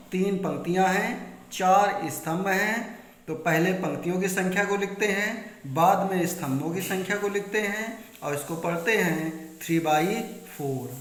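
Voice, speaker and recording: A man's voice: sits high, reverberant. A man with a Hindi-speaking north Indian accent, teaching maths step by step to students, repeating key points and asking questions he answers himself. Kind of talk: classroom lesson explaining step by step.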